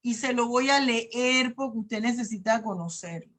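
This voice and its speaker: A woman's voice: on the high side, moderate pace, a bit bright. A middle-aged woman law professor with a Panamanian Spanish accent, giving an online lecture and explaining legal articles with everyday examples.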